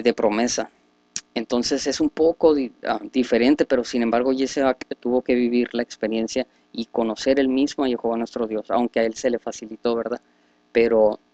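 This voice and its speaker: Male Bible teacher, mid pitch, dry close sound, halting earnest explanations. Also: darkish tone, dry recording. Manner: reads scripture then explains at length with many fillers and restarts. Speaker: religious teacher.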